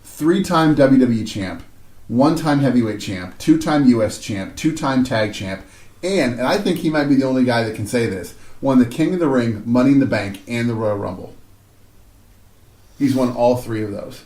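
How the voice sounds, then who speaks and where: A man co-hosting a casual wrestling podcast, animated and quick to rattle off stats with joking asides. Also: medium pitch. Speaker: podcast co-host. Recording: roomy echo.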